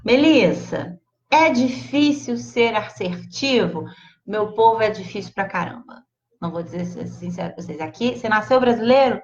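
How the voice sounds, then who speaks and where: A woman's voice: medium pitch, normal speed. Chatty Brazilian woman teaching live. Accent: Brazilian Portuguese. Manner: expressive, chatty, addresses audience as "gente". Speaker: psychologist teaching a live class. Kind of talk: casual live lecture. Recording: slightly dull lo-fi livestream audio.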